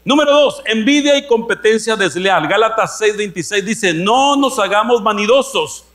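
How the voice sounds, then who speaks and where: A man's voice: high-pitched, a bit bright. A man with a northern Mexican accent, preaching a sermon and telling jokey stories, calling his listeners brother. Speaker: pastor.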